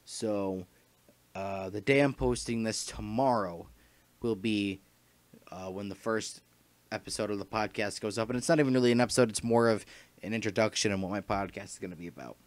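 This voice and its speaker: A man's voice: fairly low pitch, fairly quick, no echo. A young man rambling through a casual vlog announcement, full of fillers and restarts, his throat dry and short of breath. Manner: rambling, repeats himself, many fillers and restarts. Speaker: YouTuber announcing his podcast.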